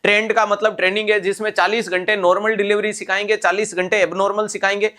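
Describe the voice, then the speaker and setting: A man's voice: sits high, level tone, fast talker, bright, forceful tone. A man teaching a live online nursing exam class, explaining step by step, repeating key terms and checking that students follow. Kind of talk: online exam-prep lecture.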